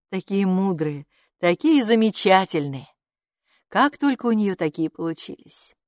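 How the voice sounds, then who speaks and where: A woman's voice: lowish voice, dry recording, studio quality. Woman narrating a children's book. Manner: expressive storytelling. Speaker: audiobook narrator.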